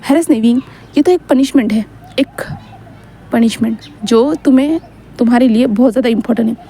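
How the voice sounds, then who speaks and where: A woman's voice: on the high side, brisk, mellow, natural voice. A woman voicing a domineering male mafia teacher who gives teasing, bossy orders. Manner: commanding, teasing.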